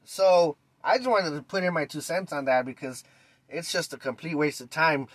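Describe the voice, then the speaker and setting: A man's voice: fairly high pitch, moderate pace, slightly rough, no echo. Male podcast host, ranting style, dry close sound. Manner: ranting, fired up, many "you know"s. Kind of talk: casual monologue.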